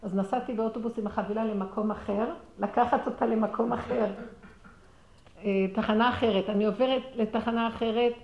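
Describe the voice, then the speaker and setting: A middle-aged woman telling a personal story in a religious talk, acting out the dialogue with animation and sinking into quiet, prayerful murmurs. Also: fairly high pitch, steady tone, muffled recording. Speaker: speaker sharing a personal story. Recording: roomy echo with faint background noise.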